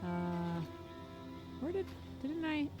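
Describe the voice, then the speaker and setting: Woman streamer in slow, wry chat. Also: sits high, big pitch swings, over music. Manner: chatty, wry running commentary with sudden exclamations. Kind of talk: casual gameplay chat.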